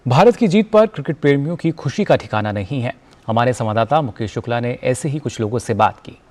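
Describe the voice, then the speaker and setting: A man's voice: mid-range voice, animated, a little mellow. Formal male news anchor. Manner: measured, formal delivery. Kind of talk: scripted news reading.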